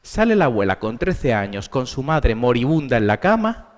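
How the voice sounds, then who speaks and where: A man's voice: medium pitch, big pitch swings, normal speed, big-room sound. A man with a Spain Spanish accent, a therapist giving an emphatic conference lecture full of rhetorical questions. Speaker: therapist giving a symposium talk. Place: conference hall.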